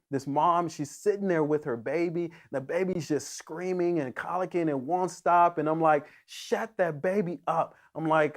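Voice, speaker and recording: A male pastor delivering a sermon with earnest emphasis. His voice sits on the higher side for a man. He often stops and restarts his phrases as he presses a point home.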